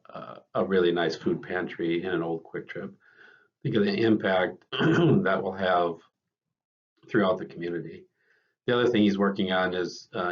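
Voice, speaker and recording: A man with a scratchy voice from the end of a cold, giving a casual, unscripted talk to his staff with frequent ums and restarts. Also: low-pitched. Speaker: bank leader addressing staff. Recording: dull lo-fi recording.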